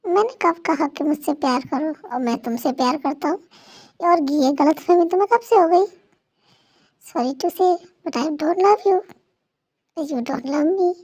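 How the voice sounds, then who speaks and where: A woman's voice: high voice, slow pace, pauses often, a little mellow. A woman voicing a scornful young man who keeps his wife captive, in an amateur fan dub. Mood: flat dismissive. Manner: taunting, scornful.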